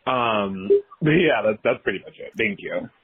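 Deep pitch-shifted male caller, tinny. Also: expressive, normal speed, slightly rough. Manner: hesitant, full of ums and likes. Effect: sounds deep and pitch-shifted, like a voice changer. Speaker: caller leaving a voice message. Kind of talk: casual recorded question. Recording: tinny phone-like voice message.

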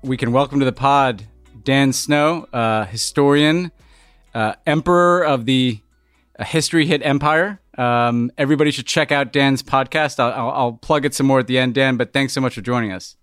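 A man hosting a podcast in casual conversation, halting and repeating words as he thinks aloud. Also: mid-range voice, fairly bright tone, clear, resonant tone, no room sound, clean studio sound, soft background music. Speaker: podcast host.

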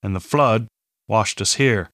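A man's voice: lowish voice, measured pace, a bit bright, dry recording, clean studio sound. A man doing a weary father in disguise. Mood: earnest. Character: weary man posing as a rural northern father.

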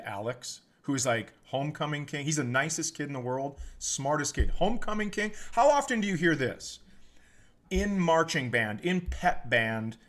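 A middle-aged American man tells stories in a casual comedic chat on a podcast, exasperated and freely profane as he rants. He speaks with a medium pitch and a fairly bright tone.

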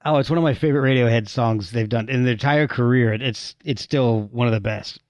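A man hosts a relaxed music interview, talking in a chatty, easygoing way. He stumbles and repeats words as he gets going. His voice sits at a middle pitch and sounds dry and close to the mic. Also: brisk, no echo. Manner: chatty, repeats words when starting sentences. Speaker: podcast host. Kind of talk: casual interview chat.

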